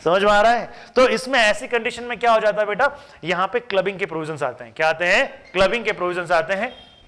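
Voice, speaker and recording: A male tax teacher lectures in a lively, chatty way and slips English terms into Hindi. His voice is high and bright. He keeps checking that the class understands. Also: fast. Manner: lively, asks rhetorical questions and answers them.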